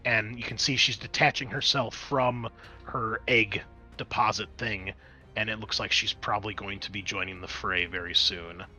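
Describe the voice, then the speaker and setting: Music plays behind a man with a lowish, steady voice who talks at a moderate pace while running a tabletop roleplaying game. He keeps it casual, cursing here and there and muttering to himself as he handles the game software.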